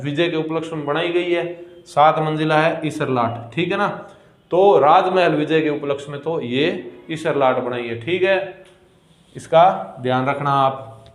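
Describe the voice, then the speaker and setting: A male coaching teacher with a Rajasthani accent and a slightly raised voice lectures on history. He stretches key words slowly as he writes and asks questions that he answers himself. The classroom leaves a clear echo on his voice. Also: fairly high pitch.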